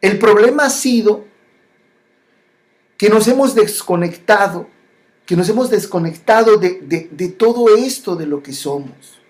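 A medium-pitched voice, expressive and a little mellow, gives a slow, reflective spiritual monologue. The speaker repeats phrases and frequently pauses and restarts.

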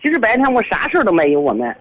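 Older lady calling in, lively up and down voice, keeps repeating herself, muffled phone sound. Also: a little high, very fast, a crowd in the background. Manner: rambling, repetitive, restarts often. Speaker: caller. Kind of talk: phone-in storytelling. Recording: dull phone line on radio.

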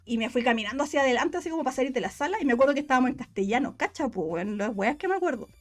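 Fast-talking Chilean woman telling a story. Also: high-pitched, faint music behind. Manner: fast, slangy, animated storytelling with voiced quotes. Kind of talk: casual storytelling chat.

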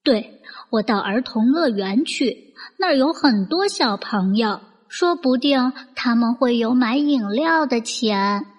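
A woman's voice: a little high, expressive, slow. A woman voicing an earnest, kind little boy who loves cats in a children's bedtime story. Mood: thinking aloud. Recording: long reverb with music bed.

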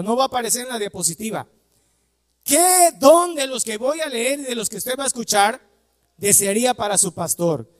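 Fervent male preacher, high voice, echoey church hall. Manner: fervent, calls out to the congregation. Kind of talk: sermon.

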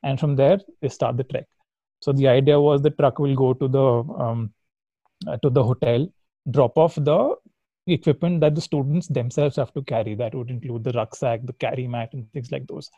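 A man's voice: medium pitch, steady tone, normal speed, dark tone, no room sound, lo-fi sound. A man with an Indian accent talks conversationally as an interview guest, explaining and telling stories informally. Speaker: guest, trekking company founder.

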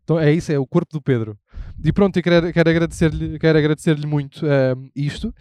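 A man's voice: on the high side, steady tone, quick pace, warm tone, clear, resonant tone, dry recording. A young man with a European Portuguese accent hosting a podcast, rambling casually and irreverently while walking down a street with a handheld mic, swearing freely and trailing off into asides. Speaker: podcast host. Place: outdoors on a city street.

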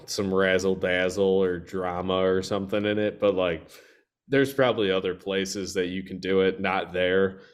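A young man co-hosting a casual podcast chat, talking in a laid-back, wry way. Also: sits low. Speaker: podcast co-host.

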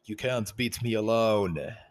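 A man voicing a vengeful, defiant male flying creature in a scornful, low tone. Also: slow.

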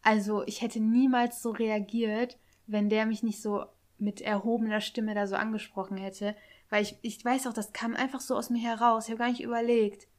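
A woman's voice: on the high side, flat delivery, normal speed. A young woman chatting casually and retelling a story with lots of tag questions and acted-out quotes. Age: young adult.

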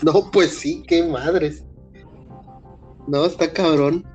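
A man's voice: a little high, fairly even intonation, slow, a little mellow, soft background music. A man hosting a casual chat and reacting to stories in a laid-back way. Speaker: host.

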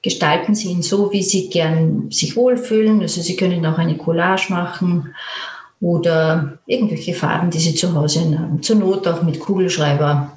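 A woman, a creative therapist who gently leads a guided imagery exercise and then answers interview questions calmly. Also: on the low side. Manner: calm, gentle, with fillers and restarts. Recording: roomy echo.

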